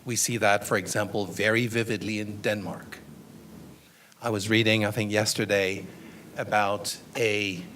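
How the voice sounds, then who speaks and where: A man's voice: lowish voice, flat delivery, a little slow, fairly bright tone, slight background noise. Man lecturing, thoughtful and hesitant. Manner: thoughtful, hesitant with fillers and restarts. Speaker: guest lecturer. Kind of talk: lecture Q&A answer. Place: lecture room.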